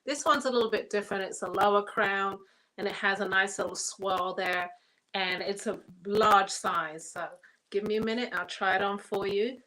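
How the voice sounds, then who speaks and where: A woman with a bright, clear voice chats on a live stream, a little out of breath. She talks in a friendly, chatty way and laughs between phrases. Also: mid-range voice, fairly even intonation, normal speed, rough recording. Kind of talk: casual livestream chat.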